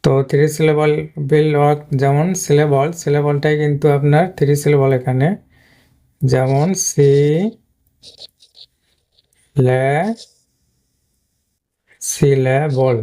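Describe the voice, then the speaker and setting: A man explains a lesson slowly, stopping often and repeating words as he points things out. His voice is smooth and mellow. His pitch stays flat and even the whole time. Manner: slow, halting, repeats words while pointing at the board. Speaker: English teacher.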